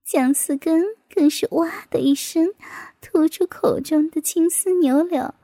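Storybook narrator, woman, very high voice, hushed half-whisper, slow. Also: no room sound.

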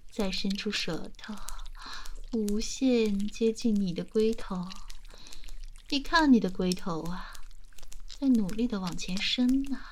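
Breathy female ASMR roleplayer, unhurried, close-miked, slight background noise. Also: a little high, darkish tone. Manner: teasing, breathy, often whispering. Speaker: solo audio roleplay performer. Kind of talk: whispered adult ASMR roleplay.

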